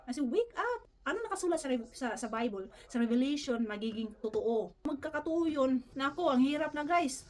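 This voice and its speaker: A woman's voice: high-pitched, lively intonation, a little mellow. A woman vlogger telling a story in a casual, earnest way, often addressing her viewers as "guys" and mixing English into her talk. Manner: fast, earnest, keeps saying "guys", mixes English in.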